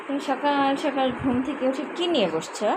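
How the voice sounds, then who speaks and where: A woman's voice: high-pitched, a little fast, very noisy. A mother coaxing and teasing her small child in a playful singsong baby-talk voice during a home video.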